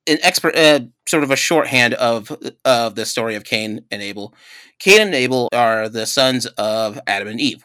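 A man hosting a casual podcast, telling a story in an animated, rambling way with many restarts. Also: mid-range voice, no room sound. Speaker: podcast host.

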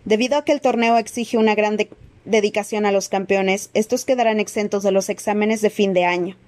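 A woman reading a storybook, voicing a weary, dazed male official who gives formal instructions slowly and distractedly. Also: mid-range voice, fairly even intonation, a little mellow, lightly acted.

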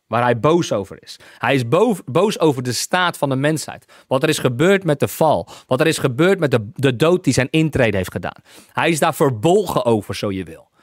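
A man's voice: mid-range voice, dry recording, clean studio sound. A man teaching a Bible lesson as a sermon, repeating his phrases with emphasis and frequent hallelujahs. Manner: repetitive, emphatic preaching with hallelujahs. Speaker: preacher.

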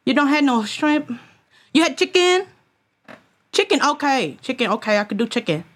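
A woman voicing a fussy, rambling prank caller with a put-on accent, asking halting, repetitive questions. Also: sits high, very animated. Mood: pushy. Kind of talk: prank phone call.

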